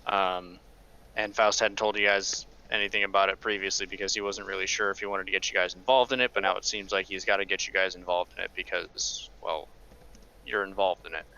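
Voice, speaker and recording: Male player, gravelly and bright, hesitant rambling delivery, muffled lo-fi mic. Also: low-pitched, fairly even intonation, a little fast. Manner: rambling, hesitant, many restarts. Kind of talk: casual tabletop game chat.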